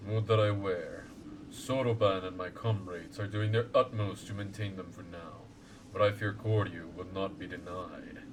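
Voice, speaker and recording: Ancient turtle guardian for a fantasy game, acted by a man: deep-set, grave, archaic and formal. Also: steady tone, normal speed, noisy background, natural voice. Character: solemn old male turtle guardian, wise and courtly.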